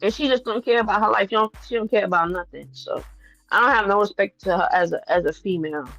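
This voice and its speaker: A woman's voice: mid-range voice, fast talker, fairly bright tone, no echo, rough recording. Blunt woman chatting over music. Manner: blunt, profane, repeats phrases for emphasis. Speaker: livestream host. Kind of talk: casual, candid livestream chat to viewers.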